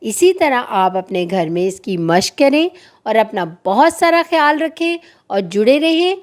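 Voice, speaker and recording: A woman teaching young children to read, with a voice pitched a little high. She sounds out short words one by one, slowly and clearly, so the listeners can repeat each one after her. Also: sing-song. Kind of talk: phonics lesson for young children.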